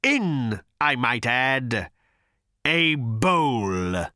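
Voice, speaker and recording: A man voicing a bitter, vengeful male creature who snarls and hisses slowly and with menace in an audiobook. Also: medium pitch, very animated, sharp tone, no echo, clean studio sound, heavily acted. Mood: menacing. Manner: snarling, hissing, slow and menacing. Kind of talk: audiobook character voice.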